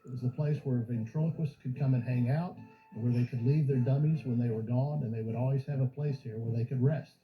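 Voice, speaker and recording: A man with a medium-pitched, fairly even voice speaks briskly as a museum guide in a casual documentary interview, explaining things and telling stories. The audio is muffled, with background music playing.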